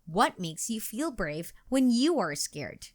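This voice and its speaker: A woman narrating a children's picture book aloud and asking discussion questions, with slow, expressive, sing-song storytelling. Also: on the high side. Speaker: storybook reader.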